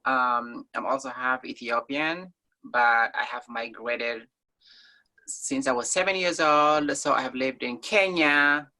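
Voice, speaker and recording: Bright-voiced woman from Somalia, earnest. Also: a bass voice, slow. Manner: earnest, thoughtful, with frequent ums. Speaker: guest. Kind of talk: conversational interview.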